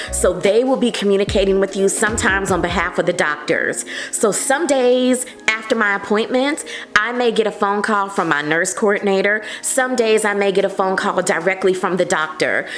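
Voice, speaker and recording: A woman's voice: medium pitch, a bit bright. A woman vlogger talking casually to camera, earnest and encouraging as she gives advice. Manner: earnest and encouraging, often says "like" and "you know". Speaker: vlogger sharing patient advice. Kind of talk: casual heartfelt talk to camera.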